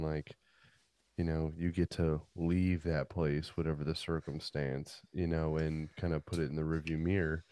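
A man with a deep, low voice chatting casually and informally as a podcast co-host. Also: dark tone. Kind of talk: casual chat.

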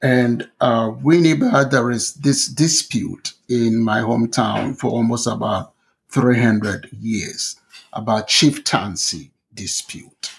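A middle-aged Ghanaian man speaks slowly as an interview guest, his voice gravelly with fry. He talks hesitantly, with lots of fillers and false starts, in a relaxed storytelling way. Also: medium pitch. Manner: hesitant, many fillers and restarts. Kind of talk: conversational storytelling.

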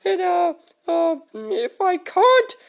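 Casting: a woman playing a fussy aunt pig for a fan cartoon parody, high shrill wail, melodramatic. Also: very animated, takes it slowly, gravelly, full character voice. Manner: shrill, wailing and dramatic. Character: fussy aunt pig obsessed with healthy food.

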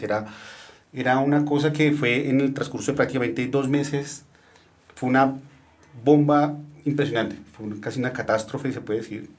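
A Colombian doctor with a medium-pitched male voice answers interview questions, explaining things plainly and steadily while using plenty of fillers.

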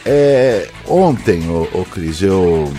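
A man's voice: low voice, extremely slow, faint music behind. A man co-hosting a morning radio show, telling teasing, comic stories to his colleagues. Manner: teasing, storytelling, animated. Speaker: radio co-host.

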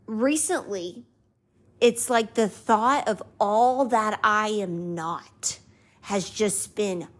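With a mid-range voice and drawn-out words, this podcast host in her twenties offers a personal monologue on faith and gratitude. She sounds earnest and confessional, putting on a mocking lilt when she voices her own doubts.

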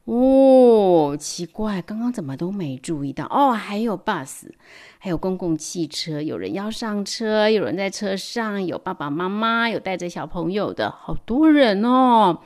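A woman reading a picture book aloud to children, animated, with playful sound words and hushed asides. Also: medium pitch, a little slow. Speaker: storyteller. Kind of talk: storybook read-aloud for children.

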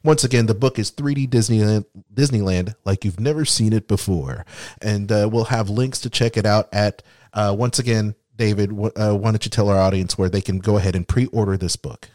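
Male podcast host, lower pitch, dry close sound, relaxed friendly hosting. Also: brisk, no room sound. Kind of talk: casual interview hosting.

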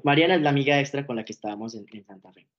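A young man tells his story in a quick, tumbling stream of words as a guest on a talk show. He slips into the voices of the people in his story as he goes. The recording sounds a little dull and lo-fi. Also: medium pitch. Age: young adult. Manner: animated, acts out quoted dialogue. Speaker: interview guest. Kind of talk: casual storytelling.

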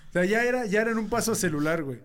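A man's voice: sits high, expressive, racing, noisy background. A Mexican man bantering casually with friends in a rowdy, slangy frat-bro manner. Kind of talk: casual chat among friends. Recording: music behind the voice.

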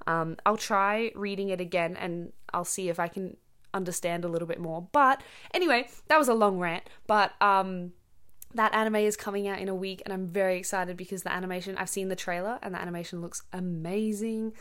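Young woman, slightly low voice, chatty podcast host who rambles and explains words simply. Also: steady tone, quick pace, a bit bright. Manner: rambling, many ums and self-corrections. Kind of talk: casual chatty monologue.

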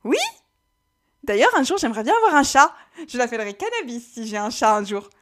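A woman reading aloud and voicing a childish, excitable young man who wails and squeals. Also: quick pace, clear, resonant tone. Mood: excited. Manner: shrill, wailing, overexcited.

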